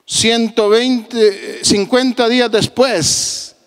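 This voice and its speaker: A male pastor with a Guatemalan accent preaching a sermon emphatically, moving between low, confiding tones and raised exclamations, and acting out the voices of the people he quotes. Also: steady tone, drawn-out words, smooth, in a large hall. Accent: Guatemalan Spanish. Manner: acts out quoted voices of the people he tells about.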